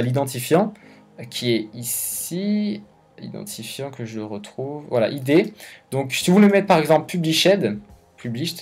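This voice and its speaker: A man's voice: a little high, darkish tone. A man hosting a casual coding tutorial, thinking aloud with hesitations and self-corrections in an informal, slangy way. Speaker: YouTube tutorial host.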